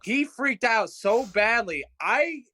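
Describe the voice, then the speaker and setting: A man's voice: very high-pitched, lively intonation, slow pace, bright, forceful tone, a little hiss or hum. A man telling a story on a casual podcast, rambling and swearing heavily. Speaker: podcast guest. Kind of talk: casual chat.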